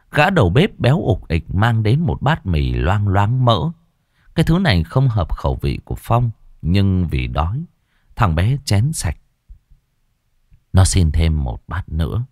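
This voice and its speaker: A man narrating an audiobook story in an expressive, storytelling way. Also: low voice, no echo. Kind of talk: scripted narration.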